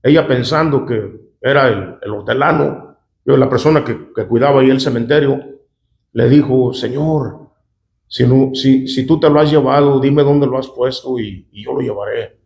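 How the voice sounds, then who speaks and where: A man's voice: medium pitch, moderate pace, vocal fry, a little mellow, roomy sound. A male pastor reads scripture and comments on it in a conversational way, often turning to the congregation with "¿verdad?". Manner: conversational, often asks the congregation "¿verdad?" and "¿cuántos dicen amén?". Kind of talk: sermon reading scripture aloud with commentary.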